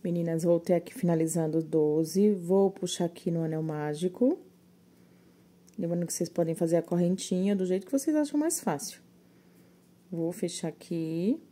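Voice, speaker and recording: A woman's voice: lowish voice, normal speed, dark tone. A woman teaching crochet step by step, patiently counting stitches aloud and a little short of breath.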